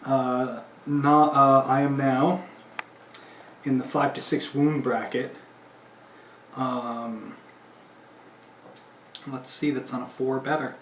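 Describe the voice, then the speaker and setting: A man's voice: medium pitch, fairly even intonation, slow, pauses often, reverberant, a little hiss or hum. A man playing a tabletop wargame, counting dice aloud and talking casually to viewers as he plays. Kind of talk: casual play-by-play of a tabletop battle.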